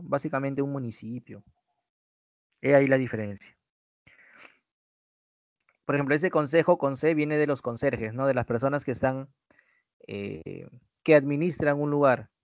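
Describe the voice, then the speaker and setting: A man's voice: medium pitch, a little slow, pauses often, dry recording. A man with a Peruvian Spanish accent, a language teacher giving an online prep-school class, explaining with worked examples and checking in with his students. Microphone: computer mic on a video class. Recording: dull, lo-fi online class audio.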